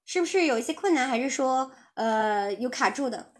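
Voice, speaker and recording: A woman's voice: sits high, expressive, normal speed. A woman teaching English in a live-streamed lesson, chatty and encouraging as she answers viewers' messages. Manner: chatty, encouraging, reads out chat replies with laughs.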